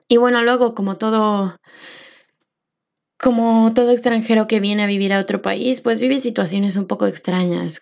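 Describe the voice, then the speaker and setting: A young woman from Mexico talks through her own story on a solo podcast. She has a Mexican accent and speaks reflectively, pausing on fillers and restarting her sentences. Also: mid-range voice, gravelly, darkish tone. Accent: Mexican Spanish. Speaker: podcast host. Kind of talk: personal monologue podcast.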